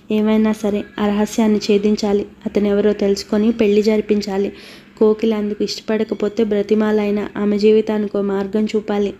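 A woman reading a novel aloud as an audiobook narrator. Her pitch stays almost completely level and her tone is mellow and somewhat dark. She reads in an even, unhurried way. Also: dull audio.

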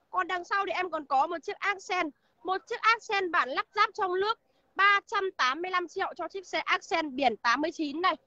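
A woman sells used cars on a livestream from an outdoor used car lot, chatting as she lists features and prices and greeting viewers by name. Her very high voice is bright and forceful. The recording is dry and muffled.

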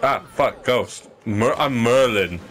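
A man's voice: mid-range voice, slow. A man hosting a casual co-op gameplay session, joking, laughing often and swearing. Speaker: gaming channel host.

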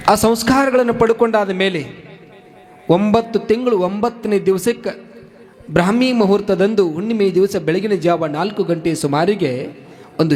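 A man preaching in a storytelling manner with a North Karnataka Kannada accent. His voice sits very high for a man. He repeats key phrases and turns to the audience with rhetorical questions. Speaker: religious preacher. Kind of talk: devotional storytelling sermon.

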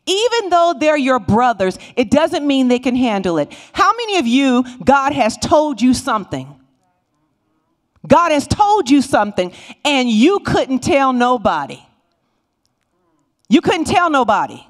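Animated woman teaching Sunday school. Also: high-pitched, measured pace. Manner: animated storytelling, voices the Bible figures. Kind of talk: Bible lesson teaching. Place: church sanctuary. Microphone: handheld microphone.

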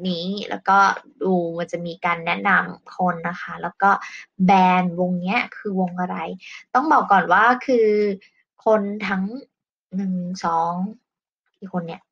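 A woman with a Thai accent teaching an English lesson, explaining patiently in a slow, polite way. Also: fairly low pitch, fairly even intonation, creaky, breathy edge, muffled recording. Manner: patient, explains slowly, ends phrases with polite particles.

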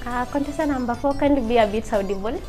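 A soft-spoken Kenyan woman in her twenties, politely questioning men on a dating show in a TV studio. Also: a little high, fast, faint music behind. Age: 20s.

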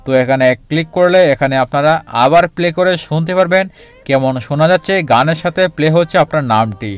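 A man's voice: a little high, fast, clear, resonant tone, soft background music. A man hosting a phone app tutorial, walking viewers through each step and repeating instructions. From Bangladesh. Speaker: tech tutorial host.

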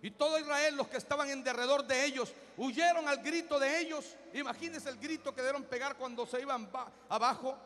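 High-voiced preacher in a reverberant hall. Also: male voice, fairly quick, hardly any pauses. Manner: preaching with rising shouted exhortations. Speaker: pastor. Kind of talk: sermon. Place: church. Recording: hall reverb with faint music.

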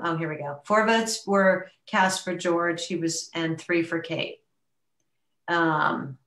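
A woman with a low voice chairs a town board meeting, halting and filling pauses as she goes. Her voice sits in a roomy, echoing space, as heard on a remote video call. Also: a bit bright. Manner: halting, with many fillers and restarts. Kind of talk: public meeting discussion.

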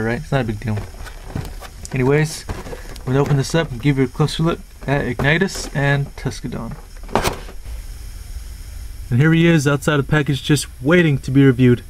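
A man talks through an action figure in a loose, unscripted way, pitched in an ordinary middle register. He rambles, corrects himself mid-sentence and drops casual swearing as he goes. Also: a little hiss or hum, rough recording. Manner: rambling, swears casually, stumbles over words. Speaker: toy reviewer. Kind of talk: casual toy review.

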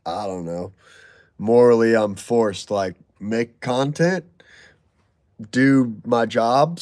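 In a mid-range, darkish voice, a man hosts a casual live stream from a garage, reading chat and answering viewer messages with loose, profane, joking banter. The recording is studio quality with no room sound.

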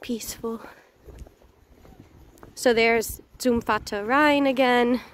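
A woman vlogging casually while walking outdoors through an old town, chatty and slightly hoarse, with lots of fillers. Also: a little high, normal speed, a bit bright, a little hiss or hum. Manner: chatty, laughs often, hesitant fillers. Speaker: travel vlogger.

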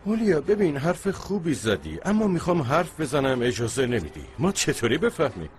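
A meek, clumsy husband who tries to calm his wife. His voice rises and falls in a lively way. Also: on the high side, faint music behind. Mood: placating. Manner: placating, fumbling. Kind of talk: Persian dub of a Turkish drama.

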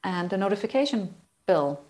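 A woman's voice: mid-range voice, animated, normal speed, a little mellow. A woman co-hosting a casual podcast chat, rambling and laughing as she corrects her own words. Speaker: co-host.

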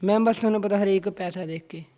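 A man's voice: high-pitched, fast talker, dark tone. A young man being interviewed about the poems he writes. He talks earnestly and addresses the interviewer as ma'am in almost every phrase. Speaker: interview guest, poetry writer. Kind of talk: casual interview talk.

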